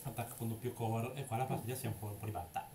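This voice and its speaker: A man with an animated manner, commenting on a card game with friends. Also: mid-range voice, rapid-fire. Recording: echoey room with clear ambient noise.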